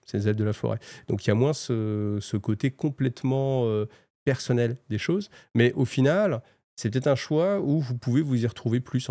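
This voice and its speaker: A middle-aged man with a French accent talks viewers through the latest tabletop releases in a relaxed, joking way, full of restarts and asides. His voice is mellow and low in colour, with a gravelly texture. The recording is close and dry, with no room sound. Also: no echo. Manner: chatty, joking, many fillers and restarts. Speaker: host presenting new tabletop game releases. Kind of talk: casual, animated product roundup.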